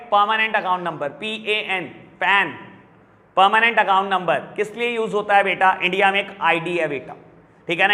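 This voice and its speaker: A middle-aged man with an Indian accent teaching a business studies class in a lecture style, mixing Hindi and English and slowly repeating key terms for his students. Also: high voice, sharp tone. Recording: echoey room with long reverb.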